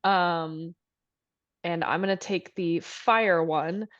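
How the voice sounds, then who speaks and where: A woman's voice: fairly low pitch, steady tone, takes it slowly, dry recording, lo-fi sound. A woman playing a tabletop game, joking around and explaining her moves. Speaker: player. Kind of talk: casual tabletop play.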